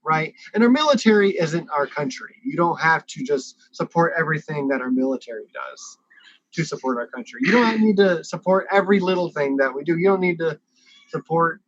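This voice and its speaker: A man's voice: fairly high pitch, animated, dry recording. A man talking with passion in a casual online panel discussion, often stopping and restarting his sentences. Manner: impassioned, halting with many restarts. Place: at home at a computer. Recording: dry, muffled web call audio.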